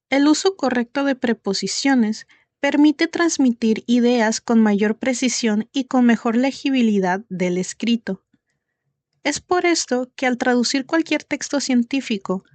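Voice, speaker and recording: A woman narrating a written lesson with an even, careful delivery. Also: fairly high pitch, no echo. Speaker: lecturer. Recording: dry close recording.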